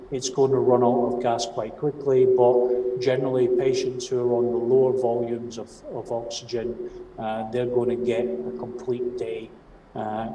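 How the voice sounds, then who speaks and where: A man's voice: mid-range voice, mellow. A man with a broad Scottish accent giving a training presentation, explaining step by step and often checking that listeners follow. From Scotland. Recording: distant mic, roomy echo, faint noise.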